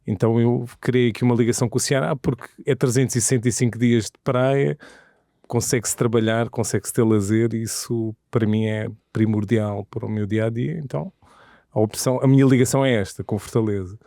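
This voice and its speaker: A man's voice: mid-range voice, fairly even intonation, brisk, dark tone, dry recording, clean studio sound. A man from Portugal with a European Portuguese accent, speaking reflectively as an interview guest and searching for words. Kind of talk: casual interview.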